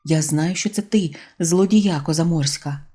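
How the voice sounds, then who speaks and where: A woman voicing a gruff middle-aged fisherman who barks orders at his son, read in a low, husky voice. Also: measured pace, warm tone.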